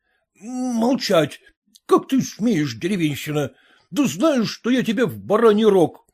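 A man's voice: on the high side, lively intonation, unhurried, darkish tone. A man reading aloud, voicing an irritable, pompous middle-aged master of the house who snaps at everyone. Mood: furious. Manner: gruff, snapping.

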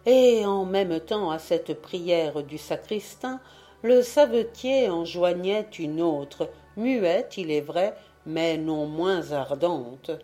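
Woman, audiobook narrator, storybook narration, low pitch, dark tone. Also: animated, takes it slowly, faint music behind. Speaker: audiobook reader.

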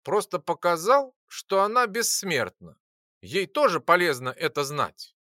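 A narrator voicing a calm, ironic male alchemist who lectures patiently in an audiobook. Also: high-pitched, measured pace, no echo, studio quality, voice pushed up, heavily acted. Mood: wry. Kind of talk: audiobook character voice.

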